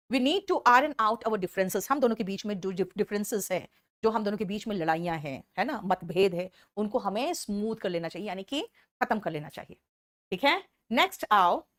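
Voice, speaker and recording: Woman English teacher, fairly high voice, Indian English, brisk and scolding with students. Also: fairly bright tone. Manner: scolding, teasing students, calls them beta; slow, deliberate reading of English example sentences. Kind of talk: online class lecture.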